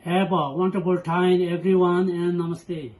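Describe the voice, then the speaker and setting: Man, association president, brief polite greeting, fairly high voice. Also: flat delivery, unhurried, a little mellow, poor audio. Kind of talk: recorded video greeting.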